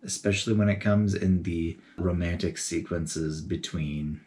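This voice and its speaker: A man giving a casual, animated video essay, talking in a chatty way with geeky enthusiasm. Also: low voice, measured pace. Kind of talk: casual commentary to camera.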